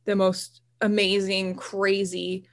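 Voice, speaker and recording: A woman co-hosting a podcast speaks slowly with a medium-pitched, level voice. In the casual chat she's rambling and quick to laugh, clearly enthusiastic about marine biology.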